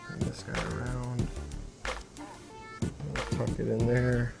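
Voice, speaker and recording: A young cooking-show host speaks slowly in a gravelly, mid-range voice, describing his home-kitchen cooking step by step in a relaxed manner. Loud music sits behind his voice, along with the frying and sizzling of the pan.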